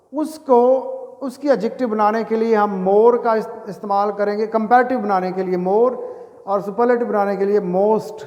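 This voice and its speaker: A man teaching English grammar, dictating example sentences slowly and deliberately, then asking questions and answering them himself. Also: high voice, darkish tone. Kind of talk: grammar lesson. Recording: echoey room with long reverb.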